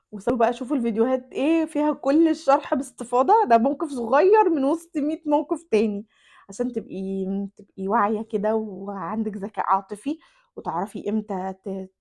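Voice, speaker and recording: Egyptian woman chatting advice to camera, quick and earnest, kinda high voice. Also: warm tone. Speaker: relationship advice creator.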